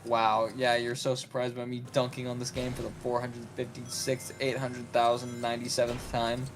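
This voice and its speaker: A man's voice: medium pitch, monotone, moderate pace, faint music behind. A man co-hosting a game stream, bantering sarcastically and poking fun at the game. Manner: sarcastic, teasing, jokes at the game's expense.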